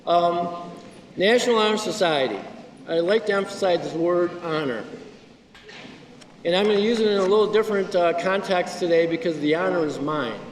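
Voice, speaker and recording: A man giving a ceremony speech as honor society advisor, slowly reading out students' names. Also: high-pitched. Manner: slow, reading out a list of names. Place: large school gymnasium. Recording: echoey gym from far off, crowd noise. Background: crowd murmur.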